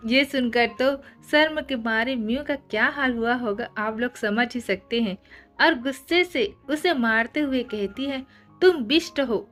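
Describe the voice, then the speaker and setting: Slightly high-voiced woman storyteller. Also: a little slow, faint music behind. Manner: lively, conversational storytelling. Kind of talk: scripted narration of a manga story.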